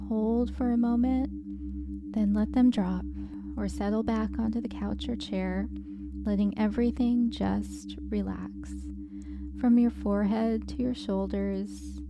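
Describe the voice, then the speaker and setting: A woman leading a guided hypnosis relaxation in a soothing, unhurried, gentle instructing manner. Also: medium pitch, background noise.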